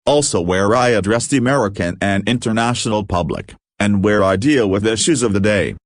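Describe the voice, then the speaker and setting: A man's voice: on the low side, fairly quick, no room sound, clean studio sound, natural voice. A man voicing a formal cartoon president. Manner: speechy, formal.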